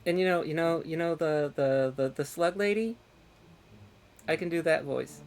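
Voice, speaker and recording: Animated woman game streamer. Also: deep voice, normal speed. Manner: animated, joking, scolds chat, stammers and repeats words. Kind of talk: casual live-stream chat while playing.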